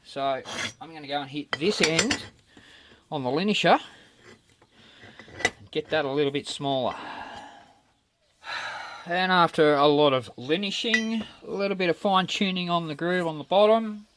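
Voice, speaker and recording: A man's voice: fairly high pitch, moderate pace, pauses often. A man giving casual, matter-of-fact, step-by-step narration of hands-on metalwork. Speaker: DIY metalworking presenter. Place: home metal workshop. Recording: clear machinery noise in workshop. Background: saw running, clicks and machine noise.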